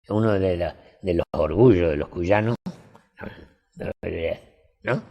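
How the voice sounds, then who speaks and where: Gravelly older Argentine man storyteller. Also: low-pitched, normal speed, dark tone. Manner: folksy anecdotal storytelling. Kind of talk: casual interview chat.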